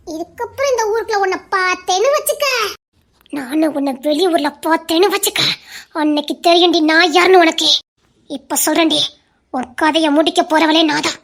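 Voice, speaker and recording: A woman playing a shrill, scolding village woman. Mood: defiant. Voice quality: shrill, mocking and shouting. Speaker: actor in a comedy skit. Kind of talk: dramatic skit acting.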